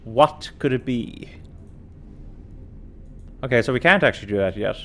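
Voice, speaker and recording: A man's voice: medium pitch, expressive, unhurried, fairly bright tone. A tired man streaming a puzzle game in a casual, chatty way. He thinks aloud as he works through each clue, talking easily to his viewers. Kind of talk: casual let's-play commentary.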